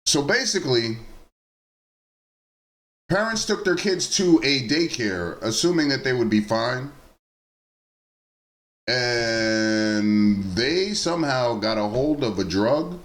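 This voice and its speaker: A man's voice: medium pitch, animated, takes it slowly, long pauses, fairly bright tone. A man who hosts a news commentary vlog, reading reports aloud and breaking off into blunt, informal asides to viewers he calls his nieces and nephews. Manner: reads the reports, then adds blunt personal asides.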